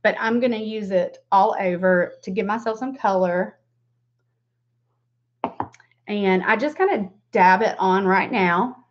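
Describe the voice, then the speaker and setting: A woman's voice: mid-range voice, a little slow, pauses often. Female livestream beauty host, 40s, Southern US drawl, mid-range voice, informal and chatty, slightly dull lo-fi sound. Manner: informal, rambling, self-deprecating asides. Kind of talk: casual chatty makeup tutorial livestream. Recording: dull lo-fi webcam stream.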